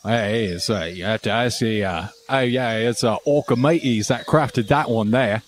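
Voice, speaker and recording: A man voicing a friendly fort guard who rambles in a halting way and keeps saying "hey" and "uh.". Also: medium pitch, a little hiss or hum, close to an everyday voice. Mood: folksy, eager. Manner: chatty and halting, full of "hey" and "uh".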